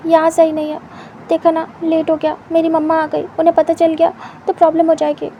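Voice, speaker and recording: A woman's voice: very high voice, monotone, brisk, warm tone, slight background noise. A woman voicing a shy, flustered young man who protests in a huffy way.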